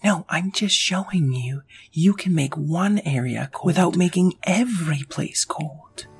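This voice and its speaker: Brief: storyteller doing a spirited storybook heroine, bright and pushy, a touch husky. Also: mid-range voice, lively intonation, measured pace, voice pushed up, full character voice. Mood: eager. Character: spirited young adventurer girl.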